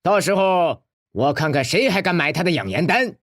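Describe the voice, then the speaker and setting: A man's voice: a little high, expressive, normal speed, a bit bright. An actor playing a boastful, scheming male businessman villain who bullies and gloats. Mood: gloating. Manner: bullying, then fawning and gloating. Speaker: rival beauty-salon boss.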